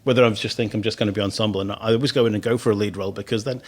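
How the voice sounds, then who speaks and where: A man in his fifties hosts a radio podcast from a studio, his lowish voice steady in tone but very fast. He's chatty and casual, laughing easily and often restarting his phrases.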